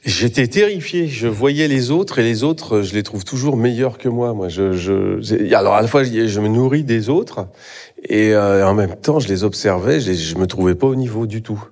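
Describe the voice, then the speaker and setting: A man's voice: fairly low pitch, moderate pace, darkish tone. A middle-aged man, an actor, talking in a live interview on a theatre stage, hesitant, with many fillers and restarts. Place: theatre stage before an audience.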